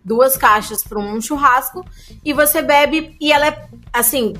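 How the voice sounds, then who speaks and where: A woman's voice: high-pitched, a little slow, a bit bright, soft background music. A woman co-host with a Brazilian Portuguese accent, chatting casually and making emphatic points. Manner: emphatic, checks in with listeners. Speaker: podcast co-host. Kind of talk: casual chat.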